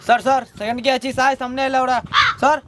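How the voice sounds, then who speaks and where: A man's voice: very high voice, level tone, racing. A man playing a crude, snappish village cyber-café operator who swears and barks orders in a comic sketch. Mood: gruff. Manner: coarse, swearing, barking orders. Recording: loud background noise.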